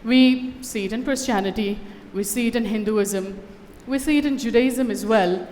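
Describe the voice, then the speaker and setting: On a conference stage before an audience, a woman raised in Dubai gives a witty, conversational personal talk full of wry asides. Her voice is a little high and darkish in tone, at a moderate pace, echoing in a large hall with slight hiss or hum.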